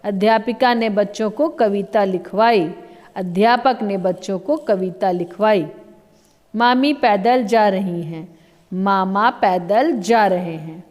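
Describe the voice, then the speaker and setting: A woman teacher slowly giving a grammar lesson, patiently explaining each answer with many examples. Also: medium pitch, darkish tone, big-room sound. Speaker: Hindi teacher.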